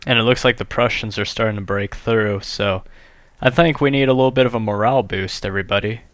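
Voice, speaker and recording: A man's voice: on the low side, steady tone, fairly quick, fairly bright tone, dry recording. A young man chatting casually over gameplay, telling a story in a rambling way full of "like" and "you know.". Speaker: gaming channel host.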